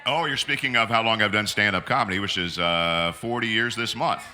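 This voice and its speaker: A man's voice: lowish voice, brisk, sharp tone. A middle-aged American man bantering as a parade commentator, joking in a wry, rambling comedian's way.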